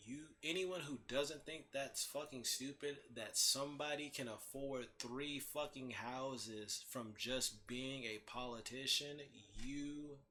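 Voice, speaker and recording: Blunt, swearing man with a bright voice. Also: mid-range voice, takes it slowly, few pauses. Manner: blunt and heated, swears constantly, restarts mid-sentence. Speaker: host ranting on his own channel. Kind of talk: casual profane rant.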